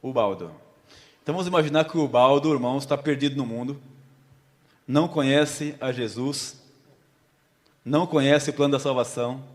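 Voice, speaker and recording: A man's voice: medium pitch, normal speed, long pauses. Preacher man in a reverberant hall. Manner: storytelling, asks the congregation questions. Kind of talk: sermon with a volunteer illustration.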